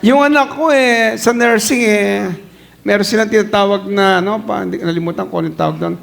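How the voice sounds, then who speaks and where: A middle-aged man preaching a lively sermon, slipping into English phrases and laughing as he speaks. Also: high-pitched, brisk, creaky. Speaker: pastor.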